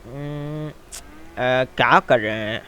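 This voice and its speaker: A man hosting a game video, chatting casually and excitedly, calling his viewers "my son". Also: mid-range voice, extremely slow, clear, resonant tone. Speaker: gaming channel host. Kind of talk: casual game commentary and role-play.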